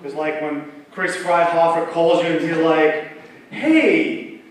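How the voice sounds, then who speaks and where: A man's voice: fairly high pitch, level tone, measured pace, slight background noise. A man in his thirties with a Russian accent, presenting at a live awards show in a rambling, joking way full of fillers. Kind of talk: live stage speech. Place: large theater stage. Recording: echoey theater, distant mic.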